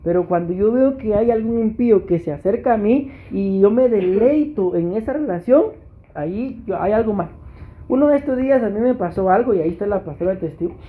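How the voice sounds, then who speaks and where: A man's voice: high voice, animated, brisk, phone-quality sound. A man with a Costa Rican accent, preaching a sermon as pastor and often calling out to his congregation. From Costa Rica. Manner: preaching, repeatedly addressing the congregation.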